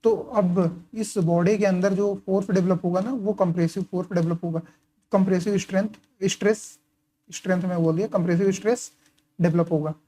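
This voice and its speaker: Man, engineering tutor, casual lecture, mellow dark tone, asks and answers his own questions, frequent okay and right, highlights notes as he talks. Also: fairly even intonation, normal speed. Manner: writes and highlights while talking. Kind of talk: casual lecture explaining course material.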